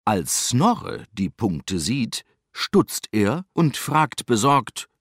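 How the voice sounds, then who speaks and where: A middle-aged man narrating a children's storybook in a lively, expressive, unhurried manner. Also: medium pitch, breathy edge, no echo, clean studio sound.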